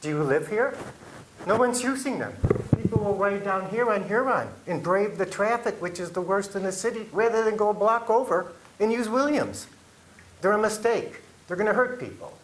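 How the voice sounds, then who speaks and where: A man's voice: high-pitched, reverberant, slight background noise. A man giving an agitated, pleading public comment at a city council meeting.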